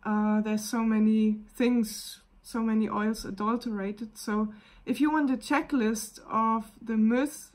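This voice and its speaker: A woman with a German accent, a wellness coach gently talking through a casual live video demonstration and often pausing to search for words. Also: fairly high pitch, fairly even intonation.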